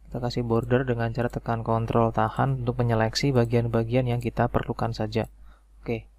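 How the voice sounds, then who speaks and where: Man with a gravelly voice explaining a spreadsheet. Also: medium pitch, brisk, no echo. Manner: calm step-by-step explaining, fillers like "nah" and "oke". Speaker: spreadsheet tutorial instructor. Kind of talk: screen-recorded software tutorial.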